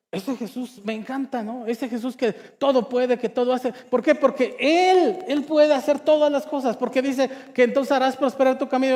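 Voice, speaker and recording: High-voiced pastor preaching in a hall. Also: male voice, darkish tone. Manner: call-and-response, asks the crowd to repeat; humorous storytelling with asides. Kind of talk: lively sermon. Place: church hall.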